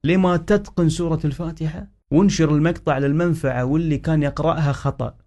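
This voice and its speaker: A man teaching correct Quran recitation, chanting verses slowly and explaining common mistakes quickly. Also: on the high side, fairly even intonation, mellow. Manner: slow drawn-out recitation between quick spoken explanations; instructive, urging listeners to repeat after him.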